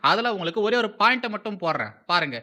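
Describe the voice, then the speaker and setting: A man's voice: sits high, very animated, racing, pushed and bright. A man from Tamil Nadu giving heated, scornful political commentary as a channel host.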